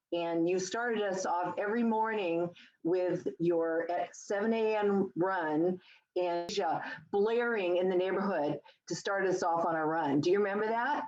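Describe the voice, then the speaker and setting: A woman's voice: fairly low pitch, darkish tone. A woman in her sixties fondly recalling team memories on a video call. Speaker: former athlete sharing memories. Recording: echoey, dull video call audio.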